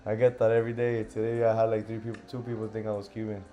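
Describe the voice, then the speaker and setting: A fast-talking young forex trader from Miami, USA, hosts a live stream with a warm, fairly low voice showing little pitch movement. He speaks casually and loosely, thinking out loud with lots of fillers, while faint lo-fi music plays.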